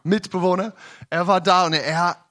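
A young man preaching a sermon in German, with frequent restarts, at times rising to emphatic shouting. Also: sits high, steady tone, normal speed.

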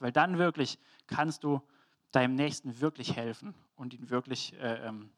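Earnest German man preaching, slightly high. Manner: earnest, emphatic, with rhetorical questions and light laughs. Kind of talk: sermon on scripture.

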